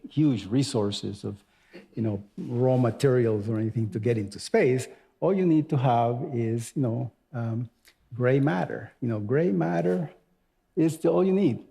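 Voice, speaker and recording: An older man from Costa Rica speaking as a panelist on a conference stage, animated and emphatic, repeating words. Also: medium pitch, gravelly. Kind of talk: panel discussion.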